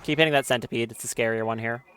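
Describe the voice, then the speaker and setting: A man's voice: mid-range voice, rapid-fire, fairly bright tone, slight background noise. A man giving casual live commentary on his gameplay stream, swearing often and talking nervously as he goes.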